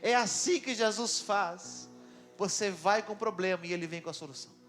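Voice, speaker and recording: A man's voice: high-pitched, moderate pace, fairly bright tone, soft background music. A man preaching a sermon in a church, speaking dramatically and asking questions of the congregation. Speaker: pastor.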